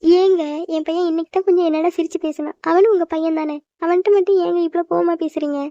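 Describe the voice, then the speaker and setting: A woman's voice: very high-pitched, fairly even intonation, fast talker, mellow, dry recording, lo-fi sound. A woman voicing a worried, tearful mother in a cartoon, pleading with her family.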